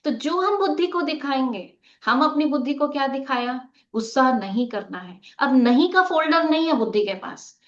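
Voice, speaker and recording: A woman's voice: sits high, expressive, moderate pace. A woman teaching a live online meditation lesson, asking the class rhetorical questions, leading a group activity and mixing English words into her talk. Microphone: video call. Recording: muffled video-call audio.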